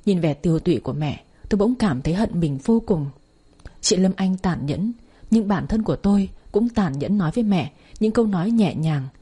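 A woman's voice: fairly low pitch, mellow, husky. A woman narrating a first-person audio story in an emotional, heartfelt reading.

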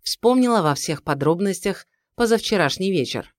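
A man tells the story in a calm, measured audiobook narration. His voice sits a little on the higher side. The recording is dry and close. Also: dry recording.

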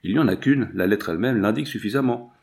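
A man reading aloud, voicing a grief-stricken elderly general who laments in a lower, shaken voice. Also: fast talker, a little mellow, lightly acted. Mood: anguished.

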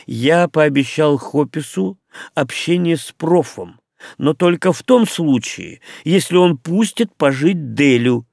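A man's voice: fairly high pitch, animated, slow, vocal fry, darkish tone, no echo, clean studio sound, heavily acted. A man voicing a cheerful, joking young male doctor in an audiobook. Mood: breezy.

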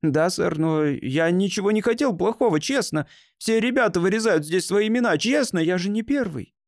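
Scared young boy, voiced high by a male narrator, nervous and defensive, dry sound. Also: expressive, normal speed, no echo. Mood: frightened. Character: frightened young boy caught carving his name.

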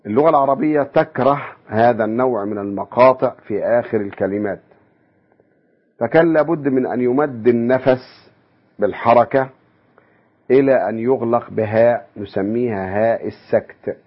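A man giving an academic lecture, measured and explanatory, posing rhetorical questions to his listeners. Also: mid-range voice. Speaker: university lecturer. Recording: dull lo-fi radio broadcast.

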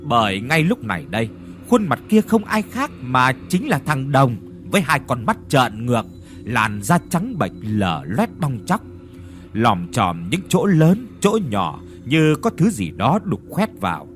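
Brief: male horror narrator, medium pitch, lively rising and falling delivery. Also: unhurried. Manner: dramatic, expressive reading. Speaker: storyteller.

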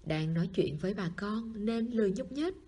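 A woman's voice: medium pitch, lively intonation, brisk, mellow, slightly rough. A woman voicing an easygoing middle-aged mother who answers unhurriedly in an audiobook.

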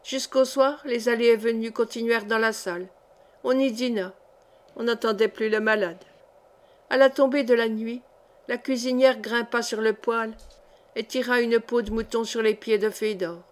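Higher-voiced woman reading a story. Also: fairly even intonation, normal speed. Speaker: audiobook reader. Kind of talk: literary narration.

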